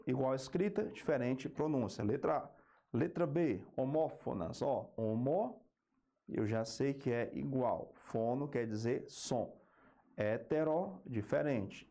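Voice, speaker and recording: A Brazilian man teaching an exam-prep grammar lesson, slowing down to spell out key terms and checking in with a quick "ok?" between points. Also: mid-range voice, dark tone. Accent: Brazilian Portuguese.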